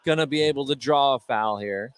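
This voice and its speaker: A man with a mid-range voice calls a basketball game play by play for live radio at a brisk clip. He's in an indoor gym, and clear gym noise sits behind him, with balls bouncing and general gym ambience.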